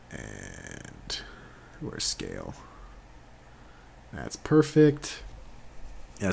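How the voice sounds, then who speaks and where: A young man with a deep, lively voice walks through a software tutorial in an easy, joking way, correcting himself as he goes. There is a faint hiss of noise behind him. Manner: laid-back, jokey, self-correcting, talks while working. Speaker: tutorial host. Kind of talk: casual screen-recorded software tutorial.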